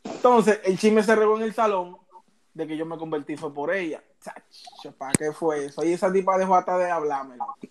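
A man, hosting a casual chat and telling an animated story, laughing and acting out the other people in it. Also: high voice, moderate pace, noisy background. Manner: animated, laughing, acts out voices in his story. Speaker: podcast host.

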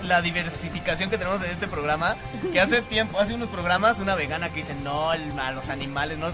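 Fast-talking co-host. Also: male voice, a little high, music in the background. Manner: quick, playful. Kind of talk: casual banter.

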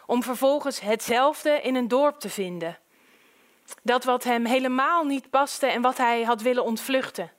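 Woman with a fairly high voice, calm, measured audiobook narrator.

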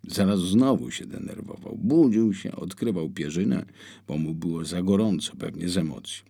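A man narrating an audiobook with expressive storytelling. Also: normal speed, gravelly, husky. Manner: expressive storytelling with wide swings in pitch.

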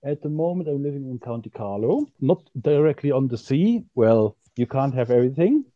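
A man's voice: medium pitch, big pitch swings, moderate pace, no echo. A man from Germany with a German accent and native German, casually telling stories as a podcast guest. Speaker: podcast guest, conservation group director. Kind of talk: casual storytelling in an interview. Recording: slightly dull, lo-fi, dry sound.

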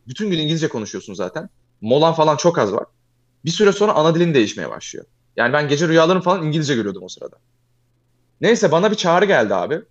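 Kendi sesiyle hızlı konuşan genç adam. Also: male voice, fairly high pitch, lo-fi sound. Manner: fast animated storytelling, addresses listener as "abi". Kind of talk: casual storytelling chat.

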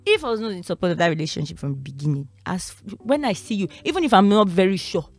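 A woman co-hosting a podcast, thinking out loud in casual chat. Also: medium pitch, very animated, quick pace, dry recording. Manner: thoughtful, reasoning aloud. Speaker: podcast co-host.

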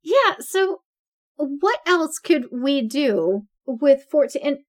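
A woman's voice: sits high, very animated, takes it slowly. A woman in her forties co-hosting a podcast in casual chat, talking freely with lots of fillers and frequent laughter. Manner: chatty, laughs often, many fillers. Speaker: podcast co-host.

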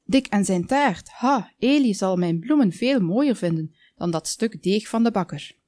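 A woman's voice: mid-range voice, lively intonation, a little slow, mellow, no echo, clean studio sound, natural voice. A woman voicing a boastful, haughty female florist in a storybook.

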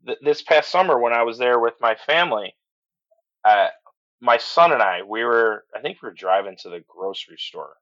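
On slightly dull lo-fi audio, a middle-aged transport business owner talks casually as a podcast guest in an interview chat. He's enthusiastic, often restarting and saying "you know," in a mid-range, slightly bright voice.

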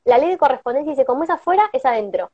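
A woman's voice: high voice, sing-song, very fast, darkish tone, no room sound. A middle-aged woman with an Argentine Rioplatense accent giving an earnest motivational talk, sprinkling in personal stories and tag questions. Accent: Argentine Rioplatense Spanish. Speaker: prosperity workshop guest speaker. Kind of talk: motivational talk on a live stream. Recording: dull lo-fi stream audio.

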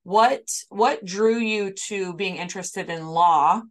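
A woman's voice: medium pitch, slow. A woman hosting an interview podcast in an informal, chatty and polite way.

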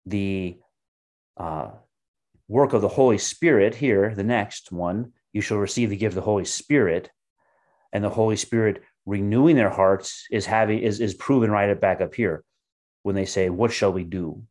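Low-voiced man giving a devotion. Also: moderate pace. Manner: steady teaching, reading scripture aloud. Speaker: pastor. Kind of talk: short devotional sermon.

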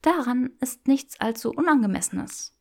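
A woman's voice: high voice, expressive, moderate pace, gravelly, voice pushed up. A woman voicing a playful, bold young witch who teases and often whispers. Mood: teasing.

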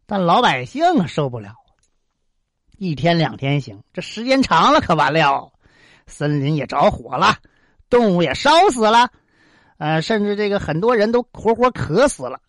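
A lively storyteller reads a folk tale with frequent asides and exclamations. The pitch rises and falls widely, giving it a playful energy. The sound is dry and close with no room echo. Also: normal speed. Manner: animated, chatty asides and exclamations. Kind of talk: children's folk tale narration.

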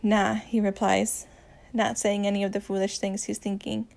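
An audiobook narrator reads a romance story gently and evenly at a moderate pace, shifting her voice slightly for each character. Her middle-pitched voice carries a gravelly, creaky edge.

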